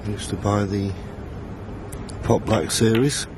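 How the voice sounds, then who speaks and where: A man giving understated snooker commentary in a measured, explanatory way. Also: fairly low pitch, steady tone. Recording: noisy arena with clear crowd sound.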